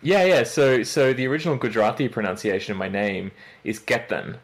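A young man born in London and raised in Australia chats casually as an interview guest, his Australian accent carrying a slight British tinge. His mid-range voice moves fairly quickly, and he laughs often and hesitates with fillers.

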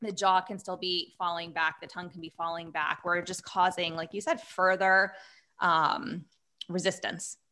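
A woman's voice: on the low side, flat delivery, moderate pace, sharp tone. A woman guest expert explaining earnestly in casual conversation, with frequent fillers.

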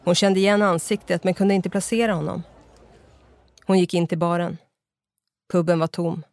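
An audiobook narrator reading a crime story in an even, measured way. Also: mid-range voice, vocal fry. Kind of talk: scripted narration.

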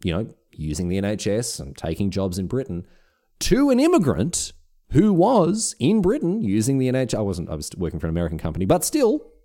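Australian male co-host, low voice, animated delivery, chatty storyteller. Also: fairly quick. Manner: animated storytelling, frequent restarts. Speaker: podcast co-host. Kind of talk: casual chat.

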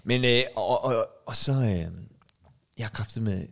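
A man's voice: medium pitch, fairly bright tone. A man in his thirties co-hosting a casual podcast, rambling with lots of restarts and fillers. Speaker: podcast co-host. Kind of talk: casual chat.

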